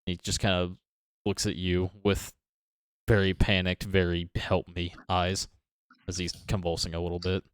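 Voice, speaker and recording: A man's voice: sits low, completely flat delivery, normal speed, smooth, no echo, studio quality. A man narrating a tabletop game as dungeon master, describing scenes loosely with lots of fillers.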